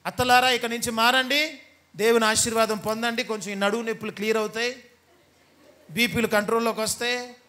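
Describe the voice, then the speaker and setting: A man's voice: very high voice, little pitch movement, fairly quick, pauses often, pushed and bright. A man preaching a sermon as pastor, teasing and scolding his congregation and mimicking the people he talks about. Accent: Telugu.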